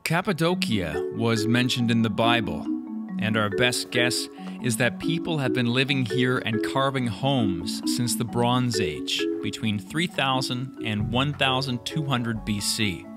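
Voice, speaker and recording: Guy doing voice-over for a travel vid, joking around, clear music underneath. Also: medium pitch, a little slow. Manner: informal, joking asides. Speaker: travel vlogger narrating. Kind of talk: voice-over narration.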